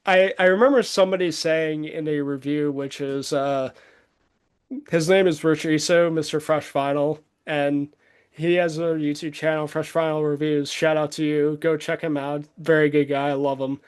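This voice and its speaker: A man's voice: a little high, fairly even intonation, moderate pace, clean tone. A man chatting casually as co-host, rambling with many fillers and frequent laughs. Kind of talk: casual chat.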